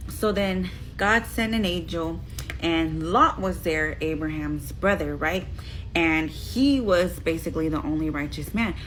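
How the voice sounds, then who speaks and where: A woman's voice: low-pitched, unhurried, a little hiss or hum, low-quality recording. A woman casually retelling a Bible story in slangy, chatty talk, acting out the quotes as she goes. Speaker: host.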